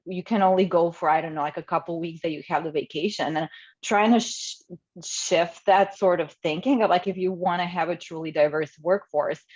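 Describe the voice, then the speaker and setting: Speaking fairly quickly in a fairly low, darkish voice, a Croatian woman asks a thoughtful question from the webinar audience. She hedges and relies on many fillers, and the video call audio is muffled and lo-fi.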